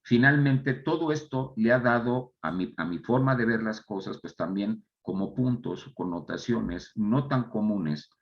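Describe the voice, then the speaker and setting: A man's voice: fairly low pitch, animated, a little slow, hardly any pauses, lo-fi sound. A man, an entrepreneur and mentor talking reflectively as a guest, often restarting his phrases. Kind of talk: casual conversation.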